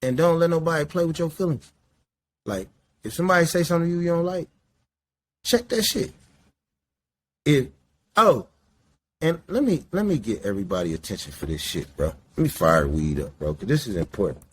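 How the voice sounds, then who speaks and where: A man's voice: a little high, very animated, a little fast, long pauses, slight background noise. Profane, rambling man in his late forties. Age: 40s. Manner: loose, profane, rambling street talk. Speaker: podcast host. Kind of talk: casual monologue. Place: indoors, smoking while talking.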